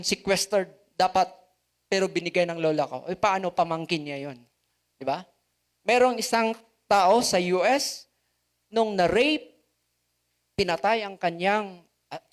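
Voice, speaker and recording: A man's voice: high voice, measured pace, long pauses. A man with a Filipino accent preaching a sermon as pastor, asking rhetorical questions and leaning on words for emphasis.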